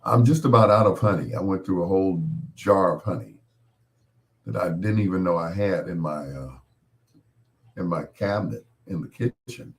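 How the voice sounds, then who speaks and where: A middle-aged man hosts a late-night radio show, his voice hoarse and roughened by a cold. He rambles in a folksy way and chuckles at his own corny jokes, speaking low at a normal speed.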